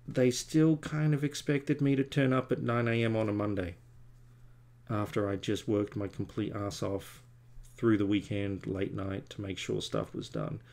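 While drawing in his home studio, a man in his forties who makes comics chats in a rambling, self-deprecating manner to the people watching his stream. His voice is fairly low-pitched, gravelly, and darkish.

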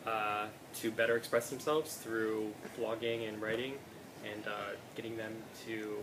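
A man's voice: fairly low pitch, little pitch movement, unhurried, noisy background. A man who teaches at a camp, answering an interview thoughtfully, with some fillers.

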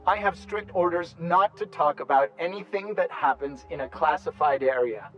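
A man voicing a weary robot security guard in a video game, speaking in a slightly robotic, flat and unenthusiastic way as he recites company rules. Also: a little high, moderate pace, highs cut off, soft background music, close to an everyday voice. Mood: officious. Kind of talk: video game character dialogue.

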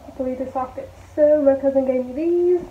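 A young woman in her twenties vlogging casually as she packs clothes, talking to viewers and thinking aloud. She records herself on a phone set low in a small bedroom. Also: a little fast. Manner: chatty, thinking aloud while packing clothes. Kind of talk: casual packing vlog. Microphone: phone camera set low on the floor. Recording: echoey room, tinny phone-like sound.

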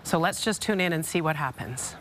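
A woman's voice: low-pitched, a little fast, background noise. A middle-aged American woman working as a morning TV anchor, interviewing live from a studio on a lapel mic. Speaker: television morning news anchor. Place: TV news studio.

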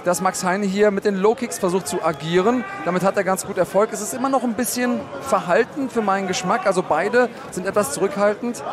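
High-voiced male fight analyst over loud crowd. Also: brisk. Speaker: expert co-commentator. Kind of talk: live fight commentary, analytical. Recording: loud arena crowd noise behind.

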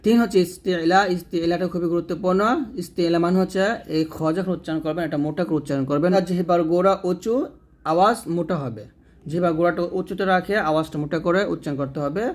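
A man giving a recitation lesson, explaining and demonstrating each letter sound slowly, and asking viewers to repeat after him. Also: high voice, steady tone, a little mellow. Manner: addresses viewers directly. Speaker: Quran recitation teacher. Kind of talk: tajweed lesson.

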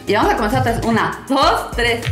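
A woman hosting a toy channel in a casual, playful way, with a bright, sing-song, excitable delivery. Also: fairly high pitch, quick pace. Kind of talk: casual playful presenting to camera. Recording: roomy echo, music underneath. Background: background music.

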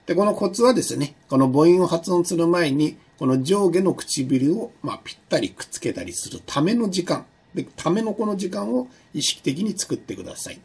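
A male lecturer with a somewhat high, slightly husky voice, delivering a recorded online class. His tone is mellow and soft-edged. He explains patiently, leaning on small fillers, and he slows down to model individual sounds. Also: big pitch swings. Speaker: university lecturer.

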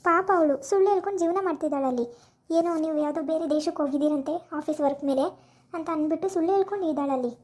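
A woman's voice: high-pitched, rapid-fire, a little mellow, lightly acted. A woman playing Lakshmi, a pressing peacemaker wife. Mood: earnest. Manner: pressing, scolding questions. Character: caring young wife, insistent peacemaker. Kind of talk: amateur village drama acting.

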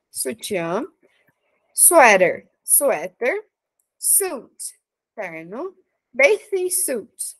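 A female English teacher with a Brazilian accent, drilling vocabulary slowly, each English word followed by its Portuguese gloss. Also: on the high side. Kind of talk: slow bilingual vocabulary drill.

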